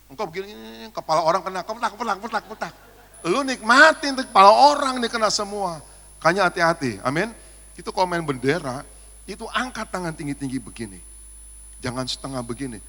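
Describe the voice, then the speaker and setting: A male pastor, preaching a lively sermon, shouting cues and joking with the congregation. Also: mid-range voice. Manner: energetic, shouts cues and jokes with the crowd. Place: church function hall. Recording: long reverb of a large hall.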